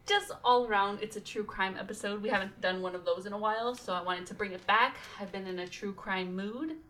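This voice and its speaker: A woman's voice: medium pitch, brisk, pushed and bright, rough recording. A young woman hosting a casual podcast, chatting and rambling with lots of fillers and giggles. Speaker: podcast host.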